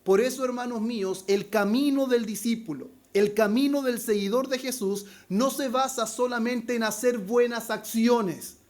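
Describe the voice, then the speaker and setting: A pastor preaching an expository sermon, calling his listeners brothers and slowing down with added force when he quotes scripture. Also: extremely high pitch, darkish tone. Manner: slows down and rises in volume on scripture quotes.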